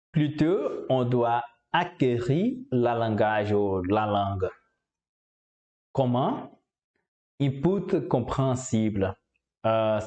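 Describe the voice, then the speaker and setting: Describing his path to learning French, this language learner from Brazil speaks with an obvious Brazilian Portuguese accent. His delivery is slow, halting on fillers and repeated words as he hunts for the right ones, in a dark, mellow mid-range voice whose high frequencies are cut off.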